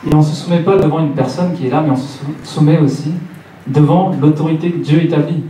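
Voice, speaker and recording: Warm and on the high side, this man's voice holds a steady tone at a quick pace as he, in his late thirties, preaches to a church congregation. His manner is didactic, with phrases repeated for emphasis, and the recording is roomy, distant-miked, and faintly noisy.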